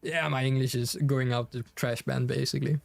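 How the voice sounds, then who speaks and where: This young man, who has a Danish accent, speaks at a fairly quick clip with a creaky, medium-pitched voice and an even tone. Chatting loosely on his game stream, he restarts sentences, uses lots of fillers, and reads viewers' messages out loud.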